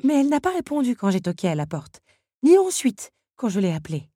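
A woman's voice: big pitch swings, fairly quick, warm tone, husky, no room sound, clean studio sound. A woman voicing an anxious, motherly teapot housekeeper who frets and weeps. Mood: worried. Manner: high, tearful, fretting.

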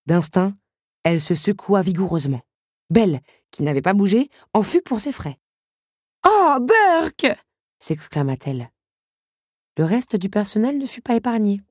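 A woman reading a storybook aloud, with expressive, dramatic narration. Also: mid-range voice, breathy edge, no room sound, clean studio sound. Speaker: audiobook narrator.

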